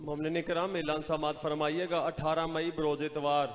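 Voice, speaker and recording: A man with a Pakistani Punjab Urdu accent making a measured public announcement that repeats dates and details. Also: fairly high pitch, level tone, a little hiss or hum. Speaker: announcer at a majlis. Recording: reverberant hall PA sound.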